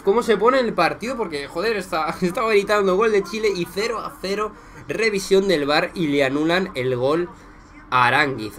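Excitable young Spanish man reacting to football. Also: high-pitched, slight background noise. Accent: Spain Spanish. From Spain. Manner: excitable, swings between shouting at goals and muttering; casual and profane, talks to viewers as friends. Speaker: YouTuber reacting to a football match. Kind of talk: live match reaction commentary.

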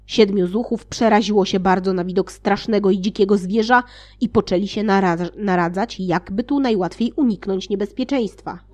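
A woman reading a fairy tale aloud, playful, with sarcastic asides and loudly acted quotes. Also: normal speed. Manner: reads with sarcastic asides and laughs; acts out shouted quotes with raised pitch. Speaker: audiobook reader.

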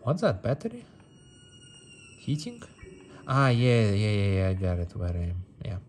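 Over game music, a male mobile game streamer gives relaxed commentary, looping back on the same words and phrases in playful, non-native English. His fairly low, darkish voice has huge pitch swings and an unhurried pace, and there's slight background noise.

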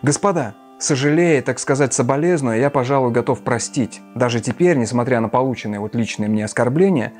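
Man voicing a smug, long-winded gentleman in an audiobook, fussy, pompous, with filler hesitations. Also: mid-range voice, brisk, hardly any pauses, faint music behind, natural voice. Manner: wordy, pompous, hesitant mumbling. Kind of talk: audiobook character reading.

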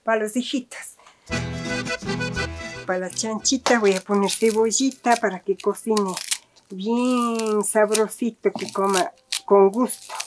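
With a medium-pitched voice, a middle-aged vlogger with an Andean Spanish accent walks the camera through a farm cooking demonstration, chatting homely and casual with lots of fond diminutives. The setting is a small indoor rustic kitchen with a wood fire, and a handheld camera or phone nearby captures clearly noisy sound, kitchen clicks included.

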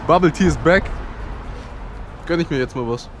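A man's voice: fairly high pitch, moderate pace, music in the background. A young man vlogging casually, chatty and slangy, filming himself with a camera held at arm's length on a city street at night. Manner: chatty, laughs often, slangy. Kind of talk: casual vlog chat. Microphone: action camera held at arm's length.

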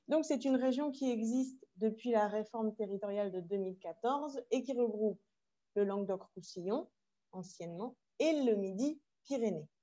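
A French woman leads an online language lesson, explaining slowly and carefully and slipping into Spanish asides for her students. Her voice sits a little high, with a soft, mellow tone. The sound is muffled, as on a video call. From France. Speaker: French teacher.

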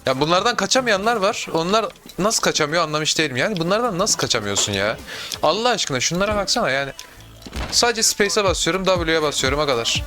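A young adult man doing casual gameplay commentary, excitable, talking to himself and viewers with sudden yelps. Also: on the high side, fast, soft background music. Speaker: gaming YouTuber.

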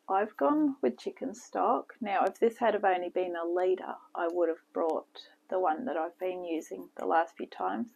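A woman giving a relaxed, step-by-step cooking demonstration in her home kitchen, talking toward a camera on the counter. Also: on the low side, gravelly, slightly rough. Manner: slow, relaxed step-by-step instructions with frequent "okay". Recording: noisy home video with kitchen clatter.

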